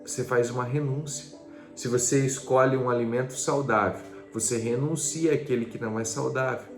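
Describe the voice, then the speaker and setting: A man's voice: mid-range voice, fairly even intonation, normal speed. A man preaching a devotional sermon, earnest and urging, asking the listener rhetorical questions. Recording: roomy with soft music behind. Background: soft background music.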